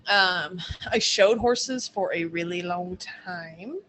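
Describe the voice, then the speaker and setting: A young woman telling stories as a guest in a casual interview, animated and laughing often. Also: takes it slowly, slight background noise, poor audio. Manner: animated, acts out quotes in high voices, laughs often.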